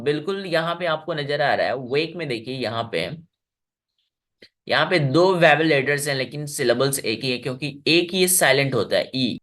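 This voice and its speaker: A man's voice: fairly high pitch, fairly bright tone. A man teaching an online English class to children, encouraging them and stretching out words to demonstrate sounds. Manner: encouraging, drawn-out word demonstrations.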